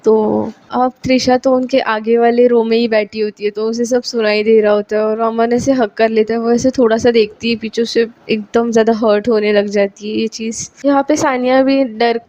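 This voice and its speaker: A woman's voice: on the high side, level tone, normal speed, hardly any pauses, darkish tone, lo-fi sound. A woman narrating a romance story in a casual, chatty way that often repeats itself.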